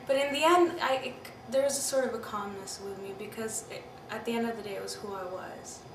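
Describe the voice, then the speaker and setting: Her pitch sits fairly high and her pace runs a little fast as this Pakistani woman in her twenties reflects openly in an interview, leaning on "you know" and "I mean." The mic is distant, the space roomy, and noise lingers behind her.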